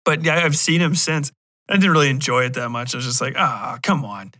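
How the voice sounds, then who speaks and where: Here a podcast host talks fairly quickly in a medium-pitched voice, captured with studio quality and no room sound. It's casual, rambling review chatter, peppered with irreverent profanity and animated asides in which he acts out imagined remarks.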